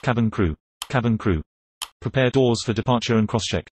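A man's voice: lowish voice, normal speed, natural voice. A man playing a businesslike airline pilot, giving clipped cockpit calls with faint engine noise behind. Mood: brisk. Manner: clipped, brief command calls. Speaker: pilot calling cockpit commands.

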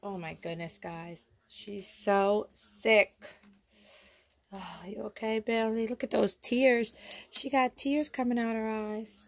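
A woman's voice: a little high, fairly even intonation, takes it slowly. A woman narrating a doll role-play vlog, fussing over a sick doll in a soothing tone and talking to her viewers. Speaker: doll vlogger.

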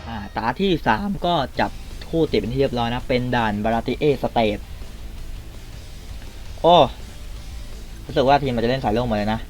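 A man from Thailand giving loud, excited commentary while playing a mobile game on a computer, often shouting and taunting opponents. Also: mid-range voice, normal speed, pauses often, soft background music. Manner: shouty bursts, swearing, talks to opponents. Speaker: gameplay streamer.

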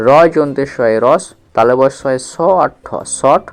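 A man's voice: mid-range voice, normal speed, clear, resonant tone, faint music behind. A man gives a reading lesson for children. He spells out letters, repeats syllables and asks the listener questions. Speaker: teacher.

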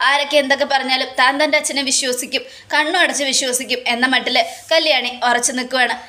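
A woman narrates a TV serial recap in a storytelling manner, walking through each scene in turn. Her voice is high and bright. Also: steady tone, fast talker. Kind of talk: retelling a serial episode.

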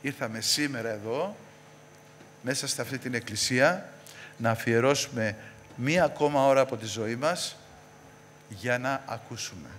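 A man preaching a sermon in a church, repeating questions and answering them with rising force, then dropping to a low voice. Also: long pauses, fairly bright tone, big-room sound, a little hiss or hum.

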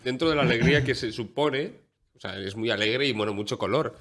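A man co-hosts a relaxed podcast in a medium-pitched voice. He muses hesitantly and fills his talk with "o sea" and "en plan". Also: brisk. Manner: hesitant, filler-heavy musing. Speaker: podcast co-host. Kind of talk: casual podcast chat.

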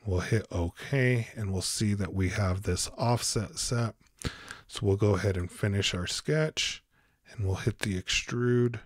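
Low-voiced guy, slow unhurried cad tutorial, dry close mic. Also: no echo. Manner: calm step-by-step instruction with ums. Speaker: tutorial host. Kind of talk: screen-recorded software tutorial.

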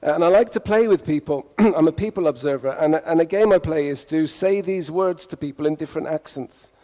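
A man's voice: on the high side, a little fast, warm tone, long reverb tail. A man raised in the UK, giving a humorous conference talk and playfully asking the audience questions. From United Kingdom. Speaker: conference speaker. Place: conference hall.

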